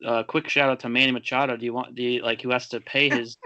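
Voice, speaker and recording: A man in loose podcast chat who hesitates and trails off mid-thought. His voice is bright and forward at a middle pitch. It is recorded close and dry. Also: level tone, fast talker, dry recording, highs cut off. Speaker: podcast guest. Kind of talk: casual chat.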